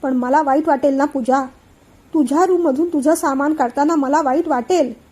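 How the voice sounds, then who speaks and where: A woman's voice: high voice, normal speed, warm tone, natural voice. A woman voicing a young man, an emotional elder brother, speaking in a heartfelt and earnest way in a read-aloud story. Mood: tender.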